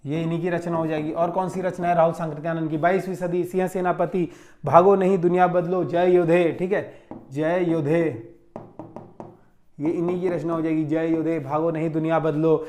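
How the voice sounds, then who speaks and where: A man with a high, light voice explains a mock exam the way a coaching teacher does. He goes over each answer more than once and draws key words out slowly. He keeps checking in with the class as he moves on. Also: level tone, a little mellow. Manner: repetitive, checks with frequent "theek hai", stretches key terms slowly. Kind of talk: Hindi grammar lesson solving a mock test.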